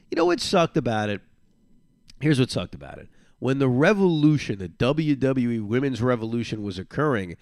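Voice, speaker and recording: A man's voice: mid-range voice, dry recording, studio quality. A man hosting a solo podcast, talking casually and sarcastically, repeating phrases for emphasis. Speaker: podcast host.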